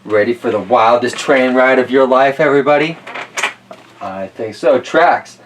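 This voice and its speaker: A man with a mid-range voice reads picture books aloud at a moderate pace, keeping it casual, chatty, playful and folksy with rambling asides. The mic is distant and roomy, with a little noise.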